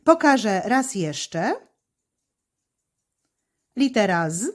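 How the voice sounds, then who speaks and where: Patient woman teaching handwriting, lively pitch. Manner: slow, patient, step-by-step explaining. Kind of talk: handwriting lesson for children.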